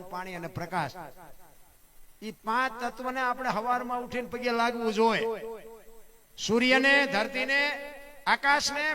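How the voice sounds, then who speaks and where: Male storyteller, high voice, live stage mic with a crowd behind him, preaching to listeners as "bapu". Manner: keeps addressing listeners as "bapu", asks rhetorical questions. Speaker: folk storyteller. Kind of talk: live folk tale telling with moral preaching. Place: stage before a seated audience. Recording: live audience crowd audible.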